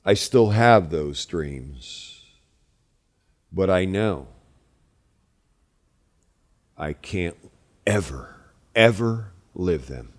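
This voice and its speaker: A man who teaches wilderness classes recounts a personal spiritual experience. He speaks slowly, emphatically and with animation, climbing to loud peaks before sinking low.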